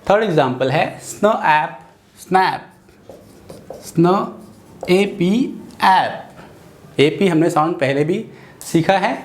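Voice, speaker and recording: A man with an Indian accent teaching English phonics in Hindi, sounding out words slowly syllable by syllable and repeating each one. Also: on the high side. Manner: slow, syllable-by-syllable drilling. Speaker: English tutor. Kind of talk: phonics lesson, slow repetition.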